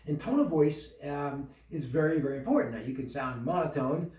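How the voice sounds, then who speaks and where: A man giving an instructional talk to a small business group, animated and full of questions, acting out tones of voice. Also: fairly high pitch, fairly quick, far from the mic. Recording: echoey room, voice from off the mic.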